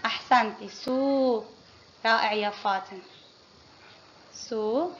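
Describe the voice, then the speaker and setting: Female kindergarten teacher, high voice, patient and encouraging, classroom recording with a dull muffled sound. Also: takes it slowly, fairly bright tone. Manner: patient, praising, quizzing pupils one by one. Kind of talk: classroom phonics lesson. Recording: muffled lo-fi with faint noise.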